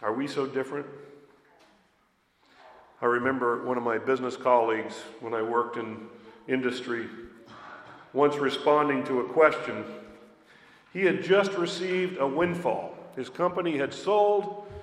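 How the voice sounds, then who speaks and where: A man's voice: mid-range voice, a little slow, long pauses. A man preaching a sermon as pastor, talking with the congregation and asking them questions. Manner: conversational, asks the congregation questions. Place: church sanctuary. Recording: roomy hall echo.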